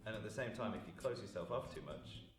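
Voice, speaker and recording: A man co-hosting a casual video chat, giving relaxed, gentle advice and laughing easily. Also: on the low side, quick pace, reverberant, music in the background. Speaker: co-host of a couple's channel.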